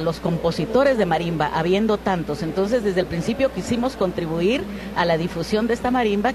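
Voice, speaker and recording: A woman, a book editor and interview guest, explaining things in an enthusiastic, flowing way. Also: mid-range voice. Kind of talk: interview answers. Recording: noisy outdoor traffic background.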